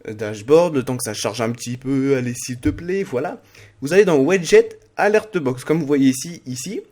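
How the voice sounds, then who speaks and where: Guy doing a casual screen tutorial, lots of uh and restarts, narrating his clicks, middle pitch. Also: expressive, dark tone. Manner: halting, full of fillers and restarts, narrating clicks. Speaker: streaming tutorial host.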